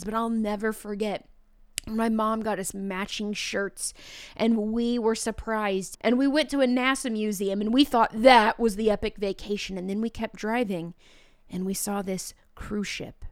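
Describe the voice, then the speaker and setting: A woman's voice: medium pitch, a little slow, no echo, clean studio sound. A woman with a Midwestern American accent hosting a podcast monologue, enthusiastic and heartfelt. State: emotional, near tears. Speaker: podcast host.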